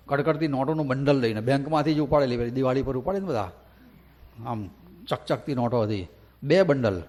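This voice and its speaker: A man with a Gujarati accent giving a devotional discourse. He chants verses slowly and then tells saint stories, acting out the characters' lines. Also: medium pitch, a little mellow. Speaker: religious storyteller.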